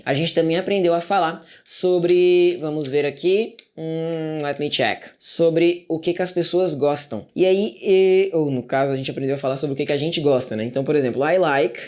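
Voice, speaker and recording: Brazilian video teacher, casual and reassuring, drills examples slowly. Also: medium pitch, a little mellow. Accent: Brazilian Portuguese. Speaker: English teacher.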